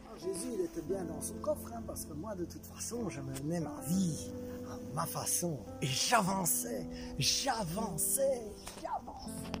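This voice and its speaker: This testimony comes from a high-voiced man from Belgium, addressing the camera with music playing beneath him. He keeps a measured pace, telling his story in a lively, chatty way, repeating phrases for effect and dramatizing some moments.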